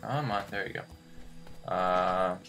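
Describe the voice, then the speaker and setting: A man's voice: deep voice, slow pace. A man hosting a gaming video with casual, rambling commentary and joking asides. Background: game music.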